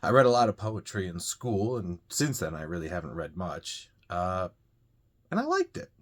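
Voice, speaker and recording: A man's voice: sits low, huge pitch swings, normal speed. A man casually explaining poetry terms to viewers, talking off the cuff with frequent fillers and restarts. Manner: loose and unscripted, frequent uh and you know, restarts. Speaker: host of a reading channel.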